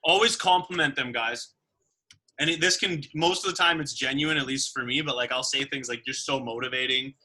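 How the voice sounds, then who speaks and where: Husky, bright-voiced man coaching sales. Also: fairly high pitch, brisk. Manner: animated, acts out quoted dialogue. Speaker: sales trainer. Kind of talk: casual sales training talk.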